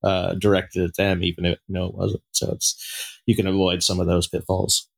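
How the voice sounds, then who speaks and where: A man with a very low, gravelly voice and a husky, breathy edge co-hosts a casual tech podcast. He talks in halting bursts, full of fillers and restarts. He jokes at his own expense. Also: completely flat delivery. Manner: self-deprecating humor. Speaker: podcast co-host.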